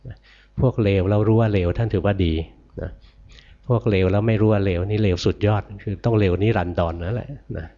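Older Thai monk giving a gentle sermon. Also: male voice, on the low side, steady tone, a little fast, lo-fi sound. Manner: gentle, repetitive, ends phrases with soft particles; asks the audience questions and answers them. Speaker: Buddhist monk teacher. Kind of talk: dharma sermon.

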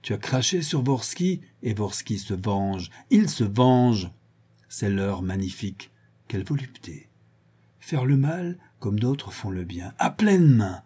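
A man voicing a cruel, unhinged male villain in an audiobook reading, ranting and gloating, swinging between loud shouts and low hisses. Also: very animated, slow, slightly rough, exaggerated voice.

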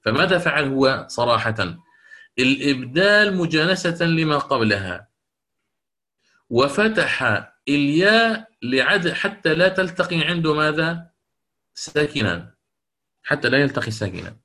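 A man teaching Quranic recitation rules in a lecture, explaining step by step, asking questions back and slowing into drawn-out chanted recitation for the examples. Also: a little high, big pitch swings, bright, forceful tone.

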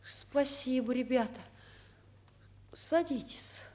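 An actress playing a weak-willed, sheepish schoolboy truant in a children's drama, hesitant and plaintive. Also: female voice, sits high, takes it slowly, darkish tone. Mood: meek, feigning illness. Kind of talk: children's radio drama acting.

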